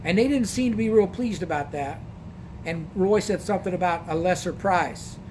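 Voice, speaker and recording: A man's voice: high voice, normal speed, noisy background. A man telling a casual first-person anecdote, rambling and often repeating himself. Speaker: storyteller.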